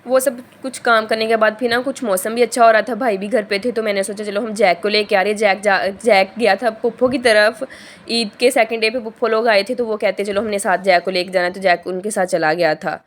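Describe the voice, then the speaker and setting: A young woman from Pakistan, a vlogger, chatting casually through a shopping haul in a hoarse, heavy voice from a sore throat, rambling and often correcting herself mid-sentence. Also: medium pitch, steady tone, a little fast.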